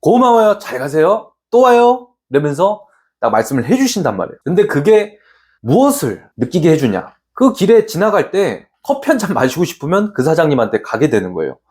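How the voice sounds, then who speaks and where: A man's voice: a little high, wildly swooping pitch, a little fast, a little mellow. A man who works as a real estate agent gives an instructional talk to other agents, bluntly and with slang, asking rhetorical questions and answering them himself. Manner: slangy and plain-spoken.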